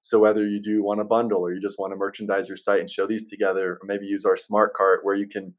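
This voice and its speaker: Male sales rep guest, fairly low voice, conversational and easygoing, explains like a practiced seller. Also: little pitch movement, fast. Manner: easygoing, salesman-like explaining, says man and right often. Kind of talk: casual chat.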